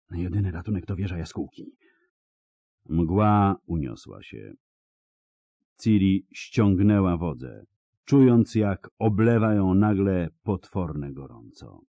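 A man reading a fantasy novel aloud as an audiobook narrator, in a dramatic, expressive storytelling manner. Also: low-pitched, no echo.

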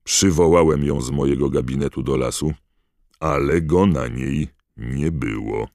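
Gravelly old auror, read by a man: blunt, commanding, dry close sound. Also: extremely low pitch, unhurried, darkish tone, no room sound, full character voice. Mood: gruff. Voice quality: hoarse, growling. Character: gruff scarred old male wizard, veteran auror.

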